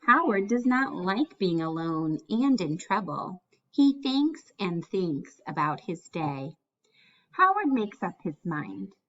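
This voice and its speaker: Reading a picture book for children, this woman's pitch is fairly low and her delivery is expressive and deliberate, like a storyteller's. The audio sounds dull.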